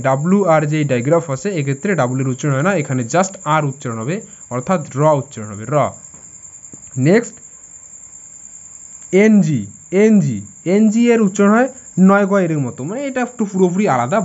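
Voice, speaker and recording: High-voiced Bengali man teaching English sounds. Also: a little mellow, lo-fi sound. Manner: spells words letter by letter, checks in with "okay?". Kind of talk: explaining lesson to students.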